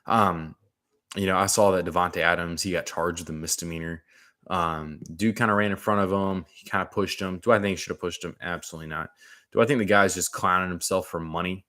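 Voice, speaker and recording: A man's voice: sits low, fairly even intonation, brisk, pushed and bright. A man giving casual, rambling sports commentary, full of slang and restarts.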